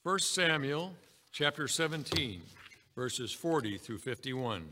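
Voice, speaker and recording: A man's voice: mid-range voice, expressive, slow, bright, forceful tone, long reverb tail, slight background noise. A man preaching a sermon, reading scripture aloud and calling his congregation brethren.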